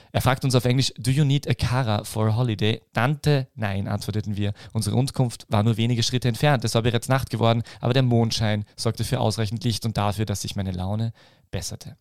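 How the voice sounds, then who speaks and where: A man's voice: medium pitch, darkish tone, no room sound, clean studio sound. A male podcast host who reads a pun-filled story aloud, with small restarts and chuckles, then chats casually with plenty of fillers.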